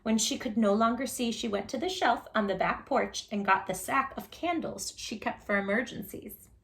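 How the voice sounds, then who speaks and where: Her voice is a little high and her speed normal as she leads storytime. Addressing the young audience directly, she reads a picture book expressively and chats with them in a playful, animated manner.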